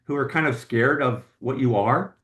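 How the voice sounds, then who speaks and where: A man's voice: medium pitch, normal speed, a bit bright, roomy sound. A man hosting a casual podcast interview, asking playful, jokey questions. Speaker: podcast host.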